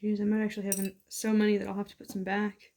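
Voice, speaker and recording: A woman chatting casually while feeding her pet toads, coaxing them gently and telling stories with plenty of fillers. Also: mid-range voice, monotone, fast talker, noisy background. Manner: coaxing, talks softly to her animals; chatty storytelling with frequent fillers. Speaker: toad keeper filming her pets. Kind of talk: casual vlog chat.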